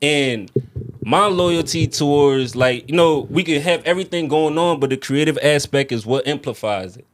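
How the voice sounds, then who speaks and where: Man, high voice. Casual slangy venting, repeats himself to drive points home. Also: moderate pace. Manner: slangy, emphatic, repeats phrases for stress. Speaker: music artist guest.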